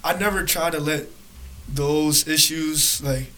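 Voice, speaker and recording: A man's voice: fairly high pitch, steady tone, slow pace, bright, forceful tone. A young man co-hosting a podcast in casual, slangy bro talk, peppered with "bro" and "like". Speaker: podcast co-host. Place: studio.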